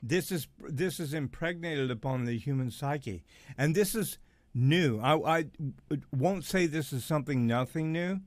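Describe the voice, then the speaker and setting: A man's voice: a little high, measured pace, no echo. A man hosting a podcast, chatting casually, telling stories and joking with his guest. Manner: casual, joking, storytelling with frequent laughs and "dude". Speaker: podcast host.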